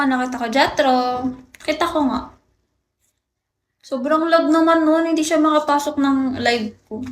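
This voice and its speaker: A woman's voice: high voice, a bit bright. A young woman live-streaming, chatting casually with her viewers in a playful, teasing way and laughing often. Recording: echoey room with faint noise.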